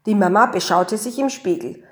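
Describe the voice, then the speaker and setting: A woman reading a children's story aloud with lively, expressive storytelling. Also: mid-range voice, moderate pace.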